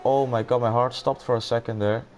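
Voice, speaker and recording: A Dutch-accented man provides live commentary on a sim racing esports event, exclaiming and laughing at close moves. His mid-range voice is a little mellow, fairly quick and fairly even in intonation, with slight background noise.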